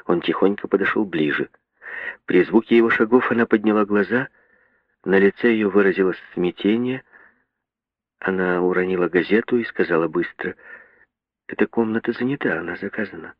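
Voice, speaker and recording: A man reading a novel aloud as narrator, in an expressive, dramatic way. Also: sits low, normal speed, dry recording. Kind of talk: audiobook reading. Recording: dry tinny phone-like sound.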